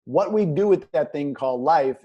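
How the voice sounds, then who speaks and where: A man's voice: fairly high pitch, expressive, normal speed, husky, muffled recording. A man speaking as a guest business coach, talking in an earnest, motivational way and leaning on pet phrases. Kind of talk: motivational interview talk.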